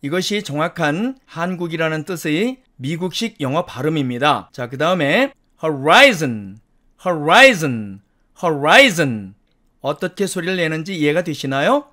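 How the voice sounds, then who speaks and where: A man teaching English pronunciation in a lecture, explaining slowly and deliberately and repeating practice words several times. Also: a little high, animated, a bit bright. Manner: slow, deliberate explanations with repeated word drills.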